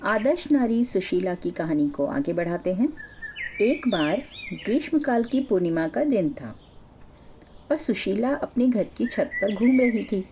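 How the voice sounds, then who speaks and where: A woman narrating a storybook tale as the host of a storytelling channel, in a steady, clear delivery. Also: mid-range voice, unhurried, noisy background.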